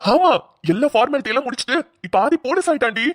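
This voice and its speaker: A woman's voice: high-pitched, expressive, fast talker, dry recording, studio quality. A woman voicing a bossy, teasing older brother, a grown man, in a cartoon. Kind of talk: cartoon voice acting.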